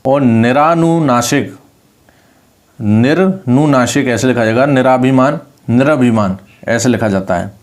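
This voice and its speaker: Man teaching Hindi spelling, repeating words. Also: measured pace. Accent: Rajasthani Hindi. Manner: repeats each word, stressing the correct spelling with raised pitch. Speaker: Hindi exam tutor. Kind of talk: online spelling lesson.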